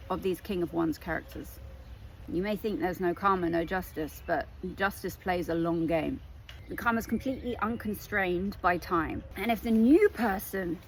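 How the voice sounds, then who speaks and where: A woman giving an emphatic, animated tarot reading monologue. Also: medium pitch, slight background noise. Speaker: tarot reader.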